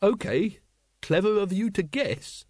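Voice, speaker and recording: A man reading an audiobook, voicing a nervous, scheming palace secretary in a higher, placating voice. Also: lively intonation, a little slow, a little mellow, no room sound.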